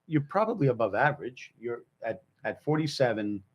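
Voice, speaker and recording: A man's voice: medium pitch, sing-song, fairly quick. A man in his fifties chatting casually as a co-host, ribbing the others in a dry way. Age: 50s. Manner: dry ribbing, agreeable interjections. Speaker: podcast co-host. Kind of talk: casual chat.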